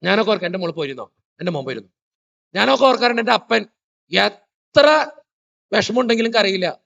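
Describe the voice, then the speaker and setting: A man's voice: high-pitched, lively intonation, fairly quick, gravelly, fairly bright tone, highs cut off. A man, a priest giving a humorous motivational talk in church, telling family stories and quizzing the audience. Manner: storytelling, joking, quizzing the audience. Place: church hall.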